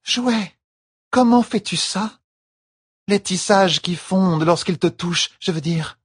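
A man's voice: sits high, takes it slowly, slightly rough, no room sound, clean studio sound, pitched above the performer's own voice, full character voice. A man voicing an imperious young noblewoman in an audiobook, giving clipped, haughty orders. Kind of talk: audiobook character voice.

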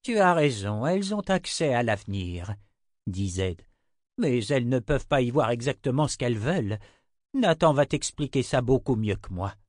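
A man's voice: medium pitch, big pitch swings, moderate pace, a little mellow, dry recording, studio quality, close to an everyday voice. A man reading an old wry sorcerer. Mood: explaining.

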